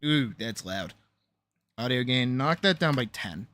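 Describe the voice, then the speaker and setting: An animator edits his own series on a livestream, chatting casually and thinking aloud, swearing freely and sarcastically and sometimes muttering to himself. His voice is medium-pitched with lively intonation and an unhurried pace, set against heavy background noise.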